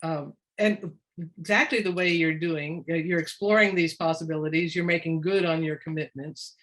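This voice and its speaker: A woman's voice: deep voice, fairly even intonation, normal speed, fairly bright tone. A woman presenting in a webinar as an education expert, speaking encouragingly and often restarting mid-sentence. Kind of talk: webinar discussion.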